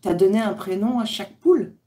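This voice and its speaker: A woman's voice: medium pitch, expressive, brisk, warm tone. A woman from France, chatting casually with viewers on her livestream, rambling with many fillers. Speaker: livestream host. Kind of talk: casual live chat reading comments.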